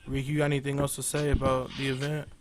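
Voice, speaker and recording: A man's voice: medium pitch, monotone, quick pace, slight background noise. A young man hosting a live stream show in a loose, casual chat style. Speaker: host.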